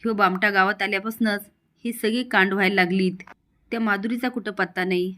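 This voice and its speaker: A woman's voice: mid-range voice, fairly even intonation, a little fast, fairly bright tone, natural voice. A woman voicing a fearful old village grandmother who pleads and warns urgently. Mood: urgent pleading.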